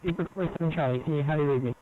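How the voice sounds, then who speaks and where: A man's voice: a little high, racing. A man working as an air traffic controller, heard over a thin radio link and giving clipped standard radio calls. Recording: tinny radio line with faint hiss.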